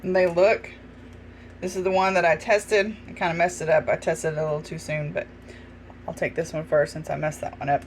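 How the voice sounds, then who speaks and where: High-voiced man tasting cookies. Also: a little fast, a little hiss or hum. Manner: relaxed, talks while chewing. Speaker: home cooking vlogger. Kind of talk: casual chat while taste-testing.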